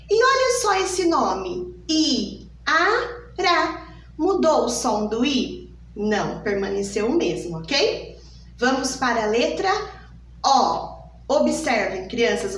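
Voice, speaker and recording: A woman teacher, giving a phonics lesson for small children and drawing each word out slowly in an exaggerated sing-song way. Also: sits high, fairly bright tone, recorded from a distance. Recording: echoey room, voice from off the mic.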